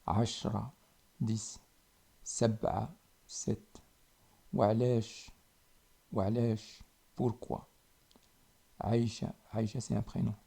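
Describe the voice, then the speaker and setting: A man teaches a language lesson, saying each word slowly and then repeating it. His voice is very dark and mellow, with a gravelly edge. It also sounds a little husky. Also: lowish voice, little pitch movement. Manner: slow and deliberate, repeating each word with pauses. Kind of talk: slow spoken lesson.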